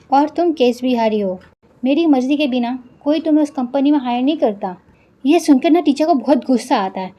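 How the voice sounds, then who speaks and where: High-voiced woman retelling a drama. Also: mellow. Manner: retells each line with "then he says that", frequent "na" fillers. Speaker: drama recap narrator. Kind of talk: casual storytelling recap.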